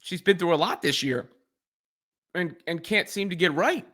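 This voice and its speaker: This sports commentator, a man reacting alone at normal speed, has a high voice that sounds bright and forward. Earnest and musing aloud, he often repeats himself and begins phrases again.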